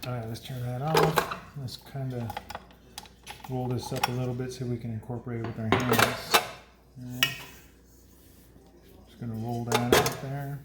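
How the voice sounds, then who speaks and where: A man's voice: medium pitch, fairly even intonation, normal speed, long pauses. A man hosting a casual home cooking demo, rambling and correcting his own slips with a chuckle. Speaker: home cooking show host. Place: home kitchen. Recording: echoey kitchen, clear background noise.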